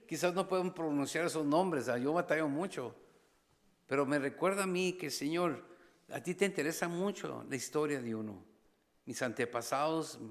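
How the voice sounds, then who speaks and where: A man preaching as a pastor, passionate, rising to loud appeals and dropping to hushed asides. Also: a little high. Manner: impassioned, swings between loud exhortation and hushed asides; slips briefly into English phrases. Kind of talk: sermon. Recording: long church reverb.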